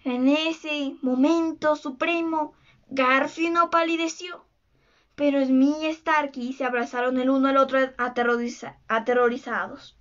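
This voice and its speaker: Slow, high-voiced woman reading a story. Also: steady tone, fairly bright tone, muffled recording. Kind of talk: children's book reading aloud.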